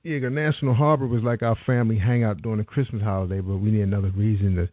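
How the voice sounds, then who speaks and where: This radio host's voice is lowish and steady, moving at a quick pace with no echo. He interviews a guest in a casual, easygoing way, offering encouragement and sprinkling in plenty of "you know". Audio quality is dull and lo-fi.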